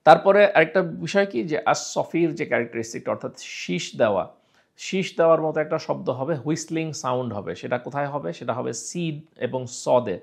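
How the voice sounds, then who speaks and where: Gravelly-voiced man teaching Quran pronunciation. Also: on the high side, expressive. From Bangladesh. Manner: repeats sounds slowly for drill, asks and answers own questions. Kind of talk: explaining pronunciation with recited examples.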